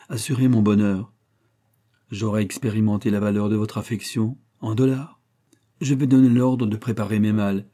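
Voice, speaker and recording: A male narrator speaks as a proud young heiress with a firm, cool resolve. His voice stays mellow and fairly low even as he lifts it a little for her. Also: lightly acted. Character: proud, strong-willed young heiress, woman.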